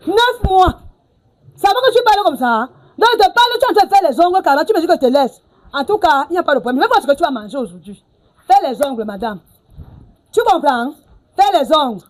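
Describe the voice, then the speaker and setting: A woman's voice: very high voice, sing-song, fairly quick. An actress playing a middle-aged mother who scolds her daughter, repeating herself with "hein" and "ah bon". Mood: scolding. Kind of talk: film drama acting.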